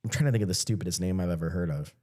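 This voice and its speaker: A man's voice: sits low, rapid-fire, mellow. A young adult man, a podcast co-host telling stories in casual banter, sarcastic, self-mocking and swearing freely.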